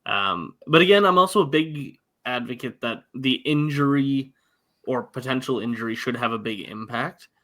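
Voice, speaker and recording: A man with a mid-range, animated voice and a sharp tone talks at a moderate pace as co-host of a casual sports podcast. A hockey writer, he leads the discussion by setting out the facts first, then asks his partner for his views.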